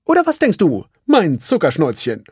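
A man's voice: on the high side, huge pitch swings, moderate pace, a little mellow, husky, dry recording, studio quality, pitched above the performer's own voice, heavily acted. A man voicing a cheerful, affectionate male handyman in a storybook reading.

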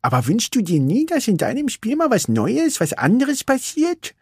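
A man putting on a restless little racer girl with a high, cheeky voice, swinging up and down a lot. The voice sounds husky and close, with a dry sound. A storybook reading. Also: wildly swooping pitch, normal speed, dry recording, full character voice. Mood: bored, wistful.

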